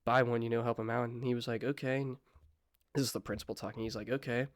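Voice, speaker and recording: A man's voice: medium pitch, level tone, fast talker, no echo, studio quality. A young man telling a casual storytime vlog in a slangy, laid-back way with apologetic asides. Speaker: vlogger.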